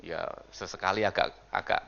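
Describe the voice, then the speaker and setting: A male pastor preaching a lively sermon, swinging between soft asides and loud exclamations and laughing often. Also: low-pitched, moderate pace, vocal fry, dull audio, slight background noise. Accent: Indonesian.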